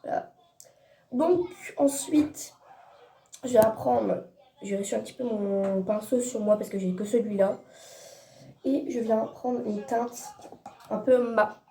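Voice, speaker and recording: A teenage beauty vlogger gives a casual makeup tutorial at home in a warm, mid-range voice with vocal fry, and the recording has a roomy sound. She is chatty but hesitant, using many fillers, searching for words and correcting herself.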